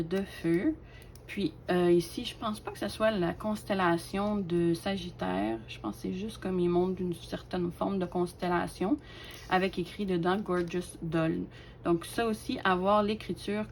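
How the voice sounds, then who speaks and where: A woman, casually showing off her craft collection, chatty and hesitant with lots of fillers and soft laughs. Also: fairly low pitch, gravelly, a little hiss or hum. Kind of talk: casual show-and-tell.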